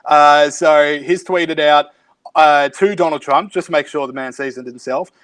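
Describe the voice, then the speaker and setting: Australian male podcast co-host, dry and wry, slightly raised pitch, casual banter. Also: steady tone, moderate pace, fairly bright tone. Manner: wry, sardonic, reads out tweets. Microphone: remote recording from home.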